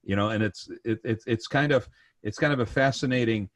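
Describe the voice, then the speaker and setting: A podcast host from the Persian Gulf region talks in casual conversation, rambling, repeating words, and often tagging thoughts with "right?" and "you know". His mid-range voice moves a little fast, with clean studio sound and no room sound.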